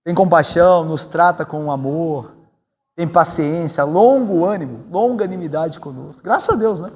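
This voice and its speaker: A man from Brazil, a pastor preaching a sermon in a conversational way, often tagging his points with quick questions to the congregation. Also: husky. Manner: conversational, tag questions, animated swings in pitch. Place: church sanctuary. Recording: church hall with long reverb.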